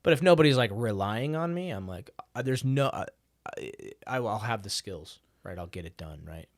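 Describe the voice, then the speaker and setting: A man's voice: fairly low pitch, lively intonation, moderate pace, dry recording. A young man co-hosting a podcast, chatting casually and animatedly, acting out the voices of people in his stories and laughing often. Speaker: podcast co-host. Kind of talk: casual conversation.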